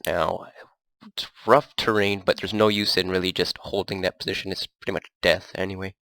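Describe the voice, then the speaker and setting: A man with a stuffy nose and a cough casually rambles and thinks aloud while playing a strategy game for a let's play commentary. His voice is low and gravelly at a moderate pace, and he's relaxed despite loud background noise.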